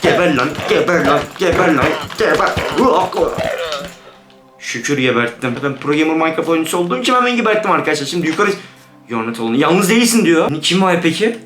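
A fairly high-voiced man commentates a horror game, jumpy and swearing while he talks straight to his viewers. His voice sits in a roomy, echoing space with faint music underneath. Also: expressive, fast, fairly bright tone. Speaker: gaming YouTuber. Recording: roomy room with background music.

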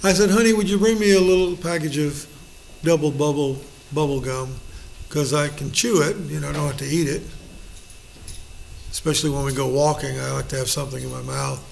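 A man's voice: a little high, fairly even intonation, fairly quick, vocal fry, darkish tone, slight background noise. A middle-aged male pastor leading a Bible study, folksy and joking, acting out little quotes.

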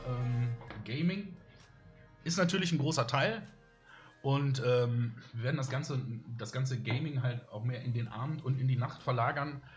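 A man hosting a live stream, chatting casually with viewers and rambling with many fillers. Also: medium pitch. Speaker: streamer host. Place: studio room with windows. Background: faint music.

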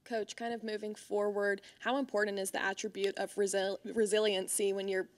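A woman, a reporter, asking slightly halting questions at a press conference. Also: medium pitch, level tone.

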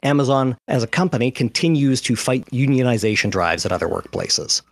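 Man, podcast host, medium pitch, measured delivery, dry close mic. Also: vocal fry, dry recording. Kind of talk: casual panel chat, reading news notes.

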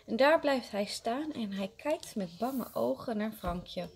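Woman, kindergarten teacher, reading a story aloud, lively pitch, slow unhurried pace. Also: slightly rough.

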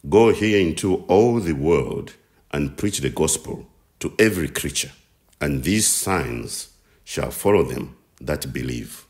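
A man giving scripted narration for a Bible teaching slideshow, reading slowly and carefully, with chapter and verse citations. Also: extremely low pitch. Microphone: voice-over.

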